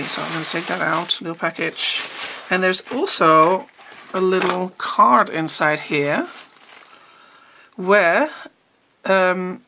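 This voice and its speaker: Bright-voiced, chatty woman unboxing supplies. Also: on the low side, slight background noise. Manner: chatty and enthusiastic, thinking aloud. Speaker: art teacher. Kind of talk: casual unboxing chat.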